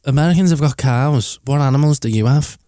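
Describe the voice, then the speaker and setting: Fast-talking Scouse man, brash banter. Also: medium pitch, mellow, no room sound, clean studio sound. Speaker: podcast co-host. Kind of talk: casual chat.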